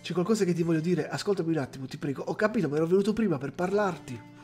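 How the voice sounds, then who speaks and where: A man reading aloud the lines of a solemn older woman sorceress from a game, in a slow read-aloud delivery. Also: on the high side, mellow, soft background music, natural voice.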